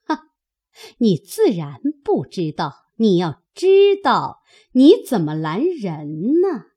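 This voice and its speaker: A woman voicing a sharp, commanding noblewoman of a great household, speaking coldly and scornfully in an audiobook. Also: medium pitch, sing-song, slow, slightly rough, exaggerated voice. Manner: cold, scornful, imperious.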